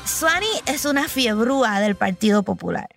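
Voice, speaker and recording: A woman's voice: on the high side, animated, normal speed, gravelly, fairly bright tone, soft background music. A woman hosting and narrating a documentary podcast in a personal, reflective storytelling manner. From Puerto Rico.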